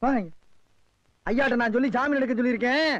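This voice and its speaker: A man's voice: extremely high pitch, quick pace, no room sound, highs cut off. An actor playing a simple-minded male beggar sidekick in a Tamil film comedy, with a Tamil accent. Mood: protesting. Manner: pleading, naive comic sidekick.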